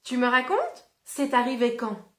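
Slow, lively woman reading aloud to a child. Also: a little high, reverberant. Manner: patient, asks the child questions. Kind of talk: interactive read-aloud.

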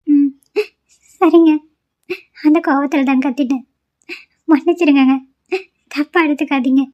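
A woman's voice: high-pitched, fairly even intonation, brisk, muffled recording, close to an everyday voice. A woman voicing a frightened young newlywed wife in a cartoon, pleading and apologetic as she cries. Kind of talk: cartoon voice acting.

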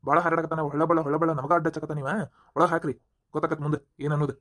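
A man's voice: fairly high pitch, little pitch movement, very fast, a bit bright, lightly acted. A man playing a bossy cartoon police inspector. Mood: scolding. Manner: scolding, bossy. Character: gruff hungry male police inspector. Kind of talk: cartoon voice acting.

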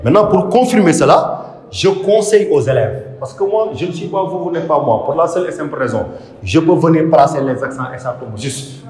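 A man's voice: medium pitch, darkish tone. A man teaches poetry in a lecture, a didactic voice that keeps asking a question and then answering it. He repeats key terms as he works through his points. His voice rings through a bare room with a long echo. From Senegal. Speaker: literature teacher. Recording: echoey room with long reverb.

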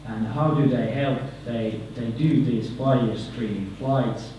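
A man's voice: mid-range voice, fairly even intonation, mellow, slight background noise. Finnish-accented man lecturing in an echoey hall. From Finland. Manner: halting, repeats words, trails off at phrase ends. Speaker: conference speaker. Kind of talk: conference presentation. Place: conference hall, indoors. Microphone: podium microphone. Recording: echoey hall, picked up from far off.

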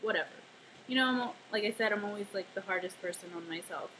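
Woman, casual home vlogger, rambling and self-deprecating, mid-pitched voice, hissy home recording. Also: quick pace, bright, forceful tone. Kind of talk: casual weight-loss video diary. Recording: noisy home camera recording.

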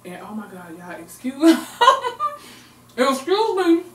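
A young mukbang vlogger eats on camera in her home recording room, chatting expressively in a high-sitting, sing-song voice with a darkish tone at normal speed. Murmured eating sounds mix with her casual talk, and the distant camera mic makes the room sound echoey and far away.

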